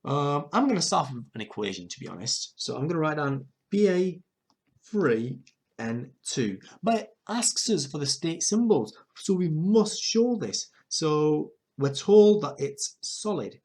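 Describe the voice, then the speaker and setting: Husky man explaining chemistry step by step. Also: fairly high pitch, big pitch swings, unhurried, darkish tone. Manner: methodical, self-correcting explanations. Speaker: chemistry teacher. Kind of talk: exam question walkthrough.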